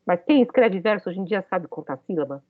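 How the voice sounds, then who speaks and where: A woman's voice: on the low side, lively intonation, brisk, no room sound, phone-quality sound. A woman giving a university lecture, talking it through with many hesitant fillers and questions to her students.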